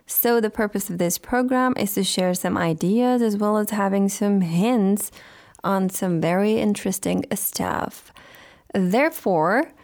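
A woman's voice: medium pitch, measured pace, darkish tone. A woman presenting a scripted radio talk programme as host, speaking in a formal, earnest and courteous manner.

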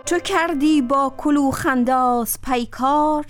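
A woman narrating a classic tale in an expressive storytelling voice. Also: high voice, music in the background.

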